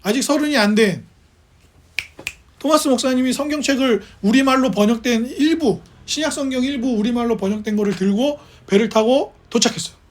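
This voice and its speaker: A man's voice: very high voice, fairly quick, slight background noise. A man preaching a sermon as pastor, talking in a conversational way, asking the congregation questions and acting out quoted voices.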